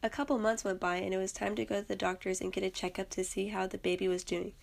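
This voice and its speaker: A woman's voice: medium pitch, little pitch movement, quick pace, creaky. A young woman earnestly reading aloud a personal story she wrote as a student. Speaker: student narrator.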